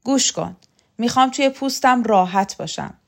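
A woman reading an audiobook, voicing a domineering, scornful woman who taunts and threatens loudly. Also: a little high, creaky, pitched above the performer's own voice. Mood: scornful, furious. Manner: loud, sharp, taunting. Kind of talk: audiobook character voice.

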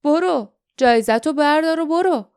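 A woman's voice: high-pitched, animated, pitched above the performer's own voice. A woman voicing a scheming, greedy male guardian who mocks and snaps at his rivals in an audiobook. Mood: scornful. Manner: mocking, snapping retorts.

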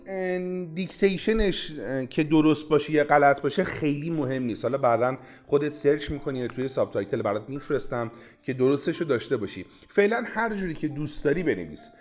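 A man teaching a podcast language lesson, coaching the listener directly with quick prompts, drills and praise. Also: fairly high pitch.

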